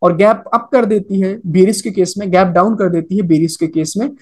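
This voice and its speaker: A man's voice: sits high, fairly even intonation, a little fast, a little mellow. A man teaching a trading lecture over a chart. He talks casually, mixes in English trading terms, repeats his points and keeps checking in with "okay" and "right?". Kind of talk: screen-recorded chart lecture.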